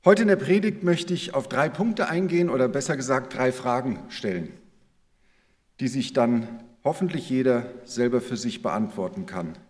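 A male preacher delivering a sermon, his voice rising and falling in a lively way. He lays out his points clearly, and a long church-hall reverb trails after each phrase. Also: medium pitch, normal speed. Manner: clear, structured, posing questions to listeners.

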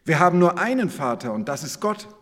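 A preacher voicing an indignant protesting crowd. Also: male voice, a little high, big pitch swings, fairly quick, a bit bright, in a large hall. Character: indignant crowd of male opponents.

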